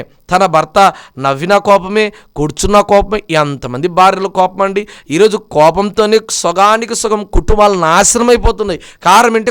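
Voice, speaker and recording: A man preaching a sermon, swinging between loud, pleading rhetorical questions and quiet, low asides. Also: smooth.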